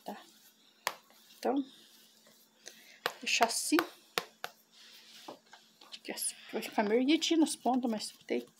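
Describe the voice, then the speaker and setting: A middle-aged Brazilian woman with a slightly high voice and vocal fry talks at a measured pace, pausing often against a noisy background. In her farm kitchen she casually demonstrates a recipe for her viewers, repeatedly calling them "gente" as a cooking vlogger.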